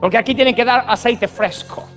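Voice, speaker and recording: A man's voice: very high voice, moderate pace, fairly bright tone, soft background music, pitched above the performer's own voice. A man voicing a stern, demanding older German pastor who exhorts emphatically. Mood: exhorting. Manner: emphatic, preachy.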